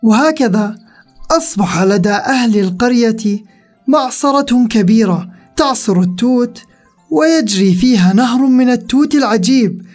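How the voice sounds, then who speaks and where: Casting: woman storyteller, somewhat high voice, animated, soft music behind. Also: moderate pace. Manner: expressive, animated reading. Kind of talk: children's story narration.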